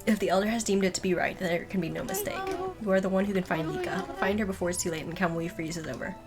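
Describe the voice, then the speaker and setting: A woman's voice: fairly low pitch, steady tone, fast talker, over loud music, natural voice. A woman voicing a solemn village gatekeeper who guards a sealed forest in a video game, formal and dutiful.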